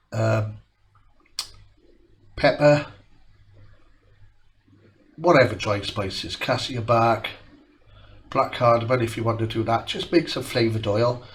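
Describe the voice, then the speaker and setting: A South Wales man with a Welsh accent chats casually while cooking in his home kitchen, his mid-range voice reverberant and his sentences rising at the ends. He hosts a home cooking channel and sounds stuffy and blocked-nosed from a cold.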